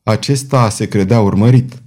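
A man narrating an audiobook novel in a measured, dramatic reading. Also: lowish voice, warm tone. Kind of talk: scripted narration.

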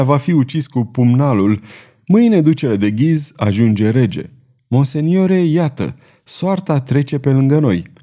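A man's voice: mid-range voice, mellow, lightly acted. A man voicing a bold, ironic male swordsman who speaks coolly and commandingly.

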